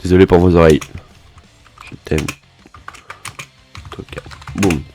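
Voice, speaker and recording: A young man commentating a gaming reaction video, swinging from low muttering to excited yelling. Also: measured pace, over music. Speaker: gaming content creator reacting.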